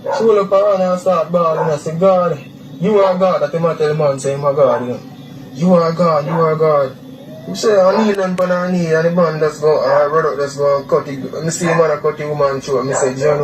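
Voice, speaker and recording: A young man with a Jamaican accent gives a halting eyewitness account, repeating words and slipping into patois. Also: high-pitched. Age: young adult. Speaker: eyewitness interviewee. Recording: echoey, distant, noisy outdoor interview.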